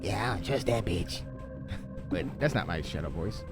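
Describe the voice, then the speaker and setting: Guy game mastering casually, really lively pitch, music playing behind him. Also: normal speed. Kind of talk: casual banter while running a tabletop game.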